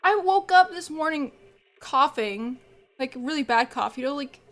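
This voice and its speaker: A woman streamer chats casually with her viewers, stuffed up from a cold and allergies, rambling and laughing often. Her voice is high with a fairly bright tone.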